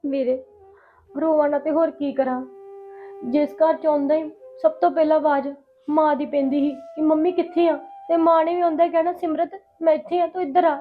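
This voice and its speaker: A woman's voice: high-pitched, flat delivery, brisk, natural voice. A woman playing a married daughter who grieves her mother, tearful and pleading in a family drama. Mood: hurt. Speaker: lead character Simrat. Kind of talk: Punjabi family drama acting. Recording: slightly dull recording.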